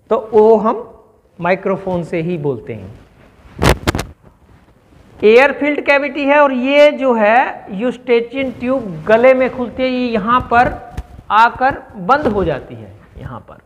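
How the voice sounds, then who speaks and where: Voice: mid-range voice, a bit bright, in a large hall, slight background noise. A teacher giving a step-by-step classroom science explanation and checking in with listeners through questions.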